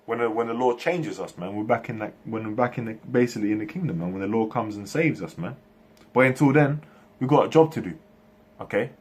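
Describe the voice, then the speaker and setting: Husky man preaching in halting bursts. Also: on the low side, a little mellow. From Turkey, raised in England. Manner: repetitive, ends phrases with "man" and "okay"; halting, frequent restarts. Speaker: religious speaker. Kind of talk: preaching monologue to camera.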